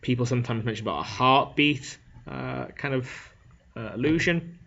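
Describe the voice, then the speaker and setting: A man's voice: medium pitch, moderate pace, gravelly, fairly bright tone. A male teacher, explaining a lesson step by step and often checking in with "okay?". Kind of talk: classroom lecture on Shakespeare. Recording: dull lo-fi recording.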